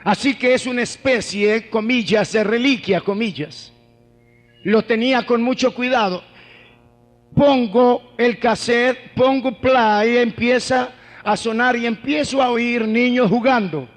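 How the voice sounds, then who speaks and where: A man preaching a sermon in a dramatic storytelling manner, shifting between quick bursts and slow, hushed lines. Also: extremely high pitch, soft background music. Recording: echoey old sermon recording in a hall.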